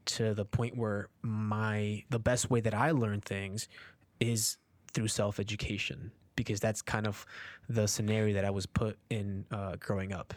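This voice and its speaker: A man in his early twenties, born in Peru and raised in New Jersey, speaking as a podcast guest in a measured, reflective way with frequent pauses. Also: on the low side, flat delivery, no echo. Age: 20s. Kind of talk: casual interview chat.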